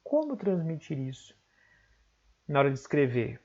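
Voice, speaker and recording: A Brazilian-accented man gives an online exam-prep lesson, walking through each point and checking in with short tag questions. His voice has a gravelly, creaky edge. The recording sounds dull and lo-fi. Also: fairly high pitch, sing-song, moderate pace. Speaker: teacher.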